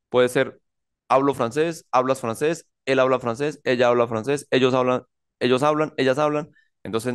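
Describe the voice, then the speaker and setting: A man teaching a French grammar class in a slow, deliberate lecture, often repeating himself and checking in with his students. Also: mid-range voice.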